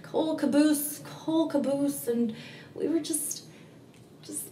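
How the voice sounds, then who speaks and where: A young woman acting a dramatic monologue as a grieving, remorseful recovering addict, speaking in a halting, confessional way. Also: sits high, dark tone. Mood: pained, remorseful. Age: young adult. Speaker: actor performing a monologue. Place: small plain room indoors. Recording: echoey, noisy room, distant mic.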